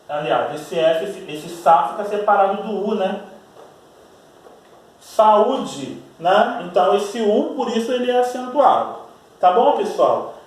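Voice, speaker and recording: High-voiced Brazilian male teacher, echoey room. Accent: Brazilian Portuguese. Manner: explains patiently, checks in with "tá?" and "né?"; drawls example words slowly. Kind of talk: recorded grammar lesson. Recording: echoey room, voice far from mic.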